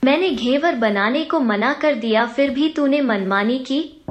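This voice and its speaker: A woman's voice: high-pitched, lively intonation, measured pace. A woman voicing a miserly, hot-tempered rich merchant who scolds his wife. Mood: furious. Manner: scolding, furious.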